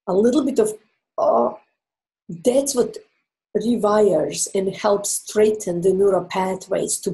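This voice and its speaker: On a rough recording, a woman's medium-pitched voice comes across creaky and dark. Speaking as a native Croatian with a Croatian accent, she gives relationship advice in an interview, earnest and explanatory, with emphatic pauses.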